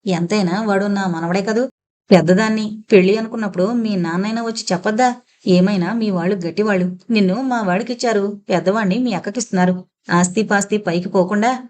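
A woman voicing a sharp-tongued, domineering elderly grandmother in an audio novel, scolding and sarcastic. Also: medium pitch, a little fast, lightly acted. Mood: complaining.

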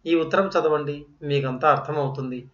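A man's voice: on the high side, moderate pace, fairly bright tone, far from the mic, close to an everyday voice. A man voicing an earnest, polite young student. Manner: respectful, earnest and restrained. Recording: roomy, dull lo-fi.

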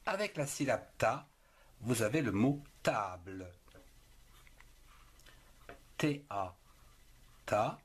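A man gives a slow spelling lesson, sounding out words letter by letter and syllable by syllable at an extremely unhurried pace. His voice is husky and his pitch swings up and down in a lively, sing-song way. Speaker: writing teacher.

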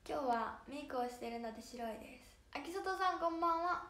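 A woman's voice: sits high, animated, a little fast, a bit bright. A young woman with a Hiroshima accent hosting a casual idol livestream, chatting and thanking viewers by name. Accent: Hiroshima dialect. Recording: echoey room with faint music.

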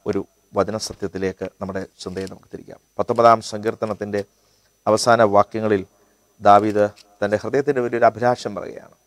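A middle-aged man, a pastor teaching a Bible study in a measured, rhythmic way, on a lapel mic in a studio. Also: on the low side, no echo. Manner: measured, rhythmic delivery, mixing in English phrases. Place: indoor studio set.

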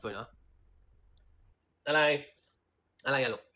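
A man's voice: medium pitch, slow, sharp tone. A man chatting sassily on a livestream while selling lipstick, with theatrical asides. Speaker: livestream seller. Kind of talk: casual livestream sales chat.

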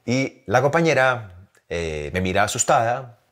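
Lively man spinning a story. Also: mid-range voice, slow. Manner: animated storyteller who acts out voices. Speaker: actor telling a story. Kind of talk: casual storytelling vlog.

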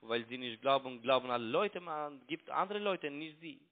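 A young man scam caller argues insistently over the phone, repeating himself in broken, non-native speech with a foreign accent; his native language is not German. He sounds expressive at medium pitch and moderate speed. The phone line is tinny and narrow-band.

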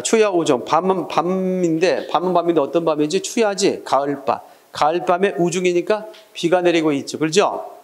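A man teaching an exam prep lecture, often stopping to ask his students check questions and switching between casual and polite speech. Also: a little high. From South Korea. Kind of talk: classroom lecture.

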